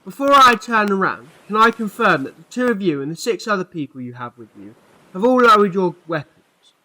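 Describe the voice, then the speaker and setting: Man playing bright, excitable eccentric time-traveller, the Doctor. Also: sits high, fairly quick, full character voice, low-quality recording. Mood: wary, commanding. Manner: theatrical, exclamatory, wordy. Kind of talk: fan audio drama acting.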